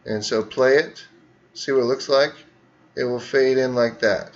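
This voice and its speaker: Slow, methodical male teacher. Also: medium pitch, steady tone, muffled recording. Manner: unhurried, talks through each click step by step. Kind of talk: narrated screen tutorial for students.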